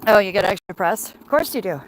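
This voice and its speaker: An American woman from Michigan walks outdoors while livestreaming, chatting casually and rambling as she answers viewers' comments. Her medium-pitched voice is expressive and brisk, and the audio quality is poor.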